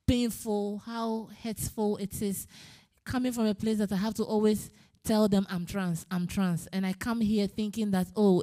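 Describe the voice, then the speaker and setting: Brief: woman from Ghana, panel guest, mellow and relaxed timbre, earnest with restarts. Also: medium pitch. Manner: earnest, personal, halting with restarts. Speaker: panel speaker. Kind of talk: panel discussion. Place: conference room.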